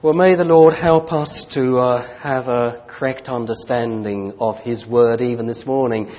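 A man preaching a sermon into a pulpit microphone, earnest and deliberate, reading scripture and growing fervent. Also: mid-range voice, steady tone. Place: church sanctuary. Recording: dull church recording with long hall reverb.

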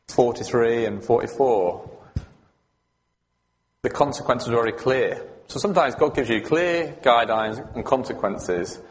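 A man preaching a sermon in a church, talking in a conversational but emphatic way and asking his listeners questions. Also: medium pitch. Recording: long hall reverb.

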